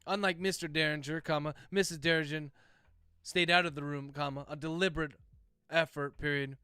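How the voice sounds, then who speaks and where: A man reading story text aloud as dictation, speaking each comma and paragraph break in a steady cadence. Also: a little high, brisk, smooth, no echo, studio quality, faint music behind. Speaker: narrator dictating a novel.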